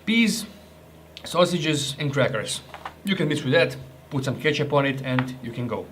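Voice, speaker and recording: A man's voice: medium pitch, lively intonation, moderate pace, fairly bright tone, slight background noise. Joking man tasting rations. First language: Croatian. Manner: chatty, joking, restarts and hesitations. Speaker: ration reviewer. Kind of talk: casual food review vlog.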